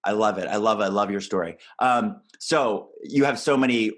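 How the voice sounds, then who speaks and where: A man in his forties hosting an interview, chatting and telling his own anecdote in a relaxed, conversational way, quick to laugh. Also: on the low side. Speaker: podcast host.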